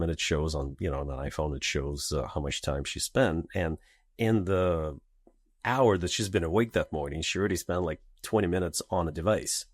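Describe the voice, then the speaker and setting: A man's voice: deep voice, no room sound. A man speaking as a guest on a podcast, telling stories about his kids in casual conversation, hesitant and full of fillers and restarts. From Russia.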